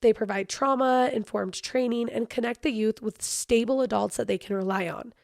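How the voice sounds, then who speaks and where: Hoarse woman podcast host, higher-pitched. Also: moderate pace, no room sound, clean studio sound. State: hoarse, voice nearly lost. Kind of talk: chatty podcast hosting and ad reads.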